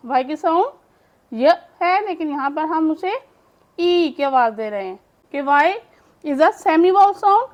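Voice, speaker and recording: A woman teaching English phonics, explaining slowly in Urdu and saying each word twice. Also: high-pitched, lively intonation, lo-fi sound. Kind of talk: slow phonics lesson.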